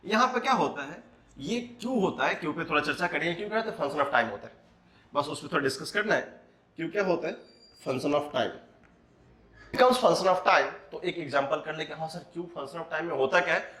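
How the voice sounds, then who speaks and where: A man's voice: on the high side, animated, fast, bright, forceful tone. A man teaching a physics class, mixing Hindi and English and asking rhetorical questions. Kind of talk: classroom lecture. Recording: roomy echo.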